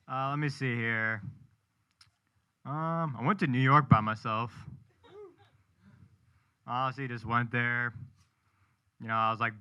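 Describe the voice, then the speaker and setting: A man's voice: medium pitch, bright, forceful tone, smooth, lo-fi sound. Self-mocking young male stand-up comic. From New Hampshire, US. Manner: self-deprecating, punchline delivery. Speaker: stand-up comedian. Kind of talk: stand-up set. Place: live comedy show with audience.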